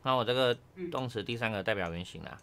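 A man's voice: lowish voice, fast, vocal fry, fairly bright tone. A man teaching Japanese grammar one-on-one, casually checking understanding with tag questions.

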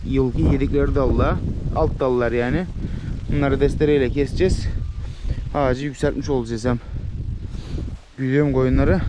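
Man, chatty vlogger, outdoors, shouts to his dog, faint outdoor noise. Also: mid-range voice. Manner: chatty, addresses viewers as friends; calls out loudly to his dog and sheep. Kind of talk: casual vlog narration while herding. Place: outdoors in rural fields.

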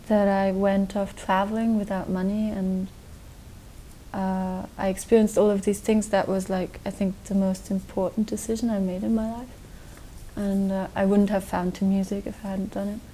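Young woman, mellow flat rambling talk. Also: medium pitch, a little slow, a little hiss or hum, low-quality recording. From Austria. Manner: relaxed, rambling with many likes and restarts. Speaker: guest musician. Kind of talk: casual interview answers. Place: dark television studio set.

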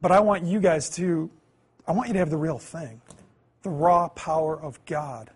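A man in his thirties teaching a Bible class in a classroom, earnest, asking the students questions and swinging between loud emphasis and quiet asides. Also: fairly high pitch, moderate pace, husky. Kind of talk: classroom lecture. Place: classroom, indoors.

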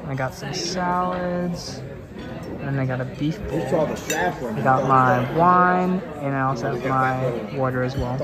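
A man's voice: mid-range voice, slow pace. Young man vlogging amid crowd noise. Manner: chatty, loose, lots of fillers and self-corrections. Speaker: travel vlogger. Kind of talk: casual travel vlog narration. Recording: busy crowd noise around him.

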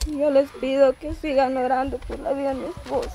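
A woman's voice: high-pitched, little pitch movement, brisk, dark tone, a little hiss or hum. A young woman, talking earnestly and tearfully outdoors, thanking God and describing her hardship. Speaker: recipient of donation. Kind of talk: emotional outdoor testimony. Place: rural dirt yard outdoors.

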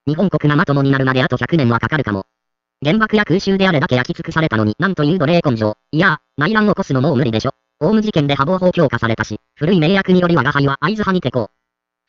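Fast, crisp male comment reader. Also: on the high side, no room sound, lo-fi sound. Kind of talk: reading comments aloud.

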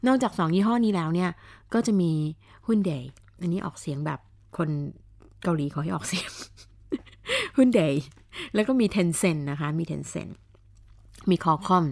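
A woman hosting a radio talk show, explaining in a chatty, animated way with many fillers and asides. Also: fairly low pitch, no echo, clean studio sound. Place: radio studio.

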